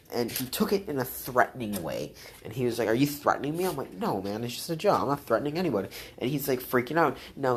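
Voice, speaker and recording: A woman's voice: extremely low pitch, a little hiss or hum. A young woman telling a rambling, profane vlog story, full of restarts and fillers. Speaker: vlogger.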